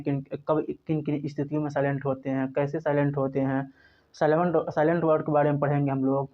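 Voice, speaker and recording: Patient teacher. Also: male voice, fairly high pitch. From India. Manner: patient, repeats points, asks and answers his own questions. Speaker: English teacher. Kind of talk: spoken classroom lesson. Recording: dull lo-fi recording.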